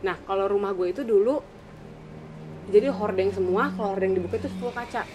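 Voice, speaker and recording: A woman's voice: medium pitch, a little fast, darkish tone. A young woman with a Jakarta-area accent telling a ghost story casually and animatedly in informal Jakarta slang. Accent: Jakarta-area Indonesian. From Indonesia, Cibinong area. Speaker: storyteller in a group chat. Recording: clearly noisy room ambience.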